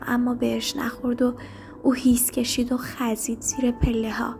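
A woman reading a story aloud in a soft, hushed narration. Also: on the high side, a little hiss or hum. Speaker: story reader.

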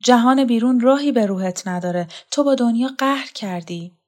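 A woman voicing a lonely, haunted former actress, weary and bitter, in a quiet confessional storybook reading. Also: a little high, pitched above the performer's own voice, lightly acted. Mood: brooding.

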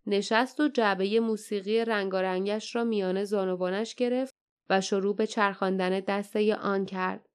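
A woman's voice: mid-range voice, clean tone. A woman narrating an audiobook adventure story, reading the narration in formal literary prose. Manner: reads dialogue in plain colloquial speech with narration in formal literary prose.

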